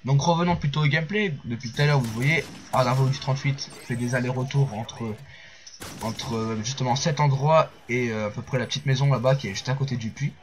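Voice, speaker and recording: A man's voice: mid-range voice, a little fast. A man from France giving rambling, casual commentary over gameplay footage, full of fillers and restarts.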